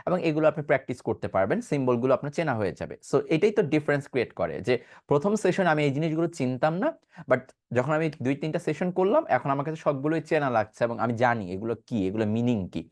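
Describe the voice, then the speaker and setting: A man's voice: medium pitch, lively intonation, racing, darkish tone. A man giving an online pronunciation class, asking questions and answering them himself, and demonstrating sounds. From Bangladesh. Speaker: pronunciation teacher.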